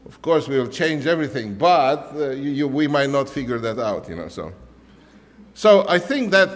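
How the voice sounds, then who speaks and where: A Romanian-speaking pastor preaches a conversational sermon in English, his voice on the high side with a long reverb tail. His delivery is full of "you know" and restarts.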